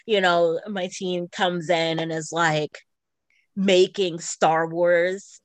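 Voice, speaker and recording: A middle-aged podcast co-host chats informally about her hobbies, mainly video games. Her voice is lowish and steady, the pace slow, and there's no echo.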